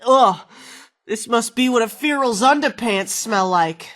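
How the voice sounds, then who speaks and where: A woman's voice: fairly high pitch, measured pace, close to an everyday voice. An actress playing a wisecracking, foul-mouthed woman companion in a video game, sarcastic and slangy. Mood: disgusted.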